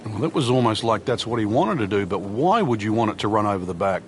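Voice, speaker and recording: A man's voice: on the low side, lively intonation, quick pace, very noisy, close to an everyday voice. A man working as a golf analyst in a video game, explaining play in an easygoing, conversational commentary style. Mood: easygoing, analytical.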